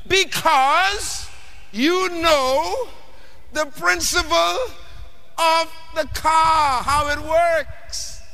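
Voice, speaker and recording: High, bright preacher shouting. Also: male voice, extremely slow, gravelly. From Bahamas. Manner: emphatic, questioning the audience, often shouting. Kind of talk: sermon. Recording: long hall reverb.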